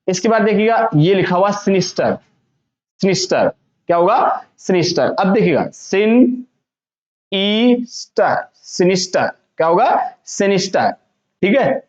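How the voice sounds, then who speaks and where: A male vocabulary teacher, slowly spelling out and repeating words for students. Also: high-pitched, a little mellow. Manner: repetitive, drawn-out words, frequent "theek hai na". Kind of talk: classroom lesson, spelling out pronunciations. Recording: echoey room, dull lo-fi sound.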